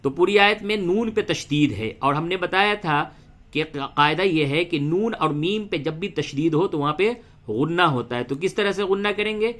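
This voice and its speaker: Guy teaching tajweed, kinda high voice, goes over each rule again and again, slow chanting bits. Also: a bit bright. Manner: patient, repeats rules carefully, explains step by step; slow melodic chanting when reciting verses. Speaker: Quran recitation teacher. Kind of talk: tajweed lesson, spelling out letters and reciting.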